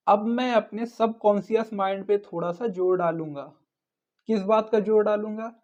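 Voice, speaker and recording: A man teaching a vocabulary lesson for exam prep, listing synonyms in quick runs and throwing in jokey memory tricks. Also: sits high, a little mellow, dull audio.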